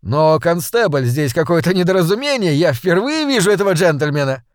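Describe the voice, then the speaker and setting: A man voicing a calm, sly gentleman speaking with mock courtesy. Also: a little high, moderate pace, dry recording, clean studio sound, pitched above the performer's own voice. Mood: suave. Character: smooth, sly adult man, feigning innocence.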